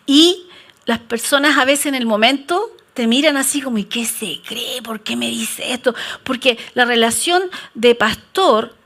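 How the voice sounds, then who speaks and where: Chilean woman pastor, high bright voice, jokey sermon storyteller. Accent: Chilean Spanish. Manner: lively, joking storyteller.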